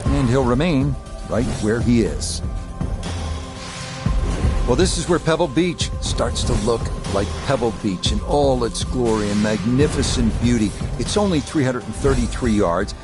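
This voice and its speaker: A man calling golf as a play-by-play commentator, in a measured, conversational broadcast style. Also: medium pitch, expressive, over music, lightly acted.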